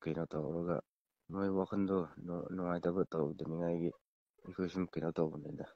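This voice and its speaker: A man's voice: low voice, steady tone, very fast, no echo. A man on a phone call giving short, emphatic replies, heard through the phone. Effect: heard over a phone call. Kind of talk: casual phone conversation. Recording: muffled, dry phone call recording.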